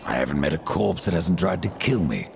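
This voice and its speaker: An actor playing a sardonic, cold horseman of death with a dry, gravelly voice. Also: low voice, animated, brisk, very noisy. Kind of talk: game cutscene voice acting.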